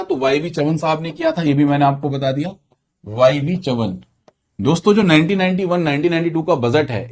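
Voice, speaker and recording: Male teacher, fairly high voice; drills key points, quizzes the class. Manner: repeats points and quizzes students; mixes English terms into Hindi. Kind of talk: exam-prep lecture.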